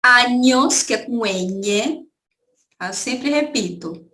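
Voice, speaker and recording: A woman's voice: a little high, animated, slow pace, sharp tone, roomy sound. A Brazilian woman teaching an online Spanish lesson, explaining points and checking in with her students. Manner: explanatory, repeats points with "tá?" and "gente".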